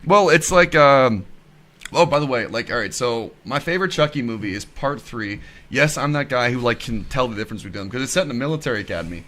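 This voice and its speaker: A man's voice: medium pitch, expressive, fast talker, a bit bright. A man rambling through a casual podcast chat, full of fillers and jokes. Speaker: guest.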